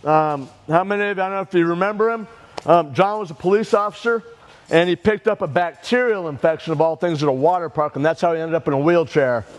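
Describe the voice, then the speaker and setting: A middle-aged man, an event organizer, giving steady announcements and telling a story to a group. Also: fairly high pitch. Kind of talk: addressing a group.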